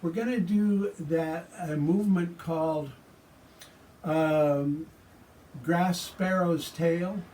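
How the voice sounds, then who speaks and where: A man with a fairly high, mellow voice teaches tai chi and qigong. He gives calm, soothing cues for each movement, relaxed and instructive. He is recorded some distance from the microphone. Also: slow pace, a little hiss or hum.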